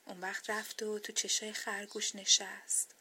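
A woman reading a children's bedtime story aloud, soft, gentle and expressive. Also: medium pitch, a little hiss or hum.

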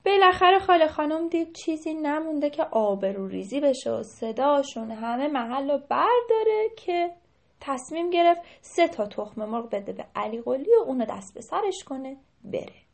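A woman narrates a folk tale for children, stopping now and then to speak to them directly. Her voice sits fairly high and moves a lot, rising and falling with the story. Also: gravelly. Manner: lively, addresses the children directly.

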